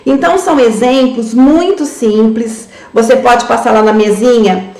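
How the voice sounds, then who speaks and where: A woman with a Brazilian Portuguese accent, training teachers in a tutorial and sounding out words slowly syllable by syllable. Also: a little high, darkish tone, reverberant. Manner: slow, syllable-by-syllable demonstration for young children.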